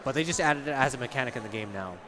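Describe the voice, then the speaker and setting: A man's voice: medium pitch, lively intonation, racing, crowd noise. A man doing live esports commentary, chatty and explaining game mechanics with a laugh.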